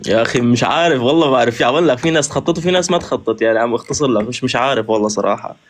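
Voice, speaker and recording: A man's voice: medium pitch, very fast. A man joining a live chat as a guest. He is polite but hesitant and evasive. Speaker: reality show contestant. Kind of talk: casual call-in chat.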